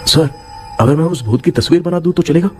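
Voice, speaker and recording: A young man acting in a comic sketch as a worried son, anxious and excitable. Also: on the high side, fairly quick, over music.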